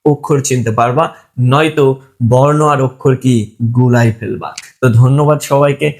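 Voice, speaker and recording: A man's voice: mid-range voice, steady tone, moderate pace. A man teaching a grammar lesson, asking his students questions and answering them himself. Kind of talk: online lesson.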